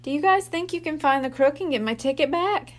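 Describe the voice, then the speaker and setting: A woman's voice: sits high, lively intonation, brisk, pitched above the performer's own voice. A woman reading aloud as a friendly, worried older boy who is minding his younger siblings.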